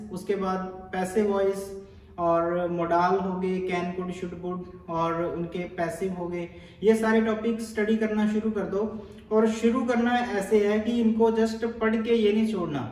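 An IELTS speaking teacher coaches students for the test in a direct, familiar manner, repeating key words for emphasis. His voice sits high with a darkish tone, and he's recorded in an echoey room, away from the mic.

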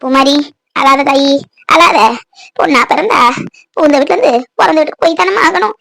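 A woman voicing a gentle old grandmother in a cartoon, coaxing and tenderly scolding her granddaughter. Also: high-pitched, expressive, normal speed, creaky, no room sound, full character voice. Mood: soothing. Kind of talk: cartoon voice acting.

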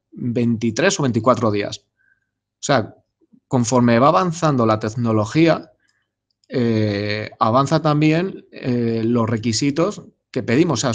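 Hesitant man giving a talk. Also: mid-range voice. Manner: hesitant, many fillers and restarts. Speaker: speaker presenting his startup. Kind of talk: informal presentation talk.

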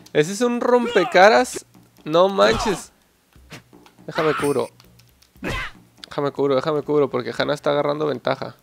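A young man giving excited, joking gameplay commentary and swearing at his opponents. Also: fairly high pitch, gravelly. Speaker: gameplay channel host.

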